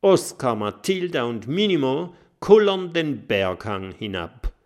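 A man narrating a children's audiobook with expressive storytelling. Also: mid-range voice, a little slow.

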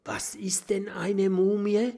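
A man's voice: mid-range voice, expressive, slow, gravelly, fairly bright tone, husky, heavily acted. A man voicing a curious young female creature who asks questions.

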